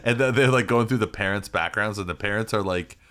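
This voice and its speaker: A man's voice: fairly low pitch, fairly quick, a bit bright. A man in casual comedic chat as a podcast co-host, joking, sarcastic and free with swearing.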